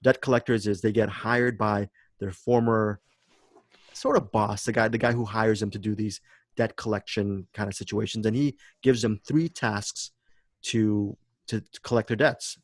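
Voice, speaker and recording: A man's voice: on the low side, steady tone, normal speed, no room sound. A man hosting a film podcast, chatting enthusiastically about a movie and often repeating words as he searches for phrasing. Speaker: podcast host.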